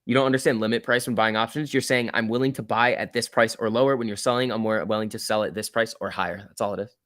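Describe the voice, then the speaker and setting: A man's voice: on the low side, steady tone, quick pace, fairly bright tone, no room sound, studio quality. A man hosting a live stock trading stream, chatting casually in slangy, chummy off-the-cuff commentary as he answers viewers. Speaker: stock trading livestream host.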